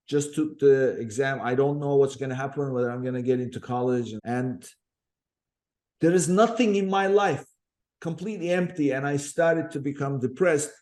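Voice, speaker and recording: A man's voice: medium pitch, darkish tone. A man who grew up in Turkey, hosting a podcast interview and telling a personal story earnestly, with many fillers and restarts. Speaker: podcast host. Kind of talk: conversational interview.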